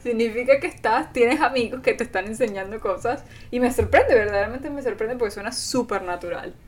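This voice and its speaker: Her voice runs on the high side and a little fast as she co-hosts a relaxed couple podcast. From Venezuela, she's earnest and animated, acting out quoted remarks.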